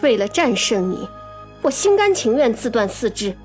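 A man voicing a fierce young woman warrior with a shrill falsetto in an audiobook. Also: big pitch swings, normal speed, soft background music. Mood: furious. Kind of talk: audiobook character voice.

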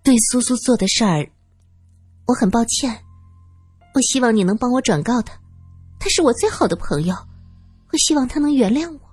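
A woman voicing a remorseful wealthy young wife, pleading quickly and softly. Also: a little high, lively intonation, husky, no room sound, faint music behind, pitched above the performer's own voice.

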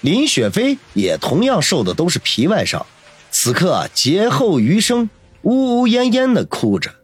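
A man narrating a novel in a dramatic, expressive storytelling voice. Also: high-pitched, measured pace, husky, faint music behind. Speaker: audiobook narrator.

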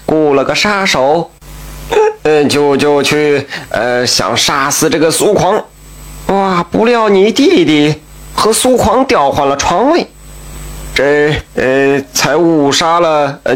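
A man voicing a drunk scheming young husband. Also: fairly high pitch.

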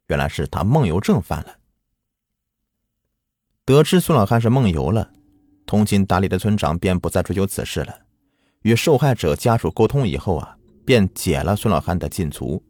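Male folk-tale narrator, very low and animated, dry close sound. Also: no echo. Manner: dramatic, lilting storytelling. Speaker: storyteller. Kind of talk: folk ghost story narration.

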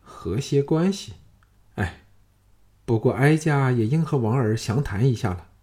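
A man's voice: mid-range voice, lively intonation, moderate pace, dark tone, lightly acted. A man voicing a cold, scornful middle-aged empress dowager in an audiobook. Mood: mocking.

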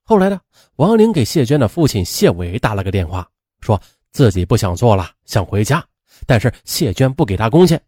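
A man's voice: mid-range voice, very animated, brisk, darkish tone, husky, no echo, clean studio sound. A man narrating a true-crime story in a chatty way, with frequent fillers.

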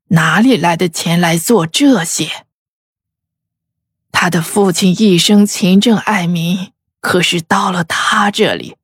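Woman reading a grieving old lady of a noble house, slow weary sighs, husky, dry close sound. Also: lowish voice, dry recording. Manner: slow, sighing, weary and breathy. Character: grieving old noblewoman, bitter about her son. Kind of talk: audiobook character voice.

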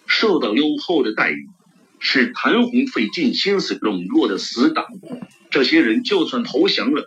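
Brief: male novel narrator, lively rising-and-falling delivery, muffled lo-fi sound. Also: mid-range voice, slight background noise. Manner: expressive storytelling. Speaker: audiobook narrator. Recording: dull lo-fi recording.

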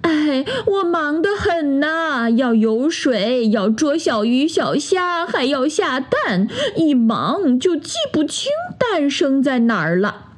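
Woman playing a squeaky fretful mother duck. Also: lively intonation, measured pace, few pauses. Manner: high chirpy pleading voice.

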